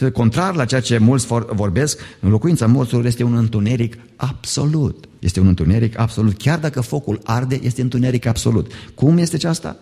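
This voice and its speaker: A male pastor preaching a sermon in a church, animated and asking the congregation rhetorical questions. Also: fairly low pitch, husky. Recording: long church hall reverb.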